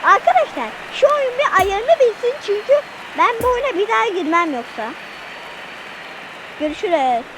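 A woman giving excitable let's-play commentary, shouting at the game and talking to her viewers. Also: very high voice, moderate pace, long pauses, noisy background. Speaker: gaming channel host.

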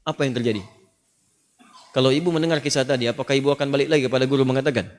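A man's voice: medium pitch, very fast, slight background noise. A male Islamic preacher telling a story in a sermon, acting out scenes and quizzing his audience with questions. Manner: animated, dramatizing, quizzing the audience.

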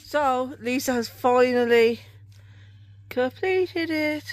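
Chatty high-voiced British woman vlogger. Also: takes it slowly, dry recording. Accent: British English. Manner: chatty, rambling, self-correcting. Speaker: channel co-host. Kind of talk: casual collection vlog. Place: home room with game shelves.

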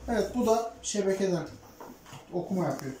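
A woman's voice: medium pitch, expressive, brisk. A woman installer casually explaining a product unboxing as she handles the equipment. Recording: roomy, distant, noisy recording.

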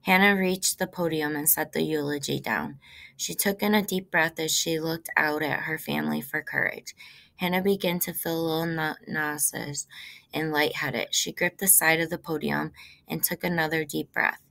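Woman reading a story aloud, low voice, gravelly texture, steady pace. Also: moderate pace. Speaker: narrator.

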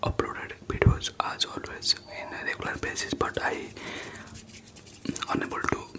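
An ASMR host doing fast, aggressive whispering, repeating words in quick bursts close to the mic.

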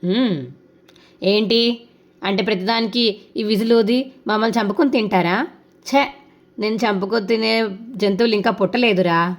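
A woman voicing a sharp-tongued, scolding middle-aged mother-in-law in a retold serial. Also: medium pitch, normal speed, long pauses, close to an everyday voice. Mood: indignant. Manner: nagging, shouting.

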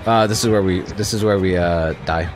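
A man's voice: deep voice, moderate pace, over music. A man streaming a video game, chatting casually with teammates and viewers as he plays. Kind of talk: casual live gameplay chat.

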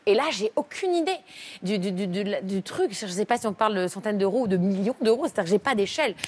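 A woman's voice: medium pitch, quick pace, a little hiss or hum. A woman comedian telling a funny anecdote as a talk show guest, laughing often and acting out the people in her story. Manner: lively, laughs often, acts out quoted voices.

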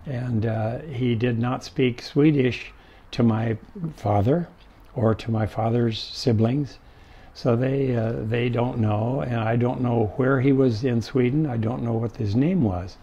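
An older man telling stories from his life in an interview, halting often with fillers. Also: mid-range voice, dark tone, slightly rough, highs cut off. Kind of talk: casual storytelling.

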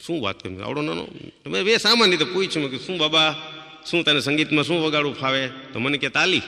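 Bright-voiced man telling stage jokes. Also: fairly high pitch, animated, quick pace, vocal fry. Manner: storytelling, acting out quoted people. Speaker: stand-up comedian. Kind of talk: live stand-up joke telling. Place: stage before an audience. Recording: live stage recording with long reverb.

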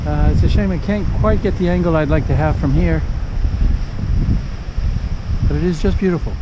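A man's voice: a little high, moderate pace, muffled recording. An older man filming himself on a sailboat, casually explaining his rigging and the coastline to the camera. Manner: relaxed, explains sailing gear step by step. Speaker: solo sailor vlogger. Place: outdoors on a sailboat deck and rocky coast. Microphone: action camera held at arm's length. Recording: loud wind noise on camera mic. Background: wind and water noise.

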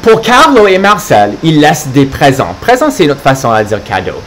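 A man's voice: fairly high pitch, wildly swooping pitch, moderate pace, fairly bright tone, a little hiss or hum. A man teaching French to children, reading a holiday storybook aloud live and stopping to explain words in English.

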